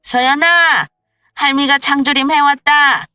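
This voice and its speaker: A woman voicing a haughty older mother-in-law who scolds and shouts accusations in a storytelling radio drama. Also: high voice, steady tone, unhurried, no room sound, voice pushed up. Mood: sweet. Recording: dry, slightly distant voice with faint music.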